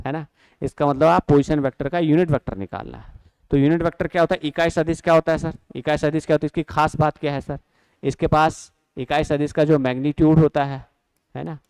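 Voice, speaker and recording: A man's voice: medium pitch, darkish tone, smooth, dry recording. Man teaching physics in a dry room. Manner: explains step by step, asks and answers students' questions himself; mixes English terms into Hindi. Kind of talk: classroom lecture. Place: classroom or studio.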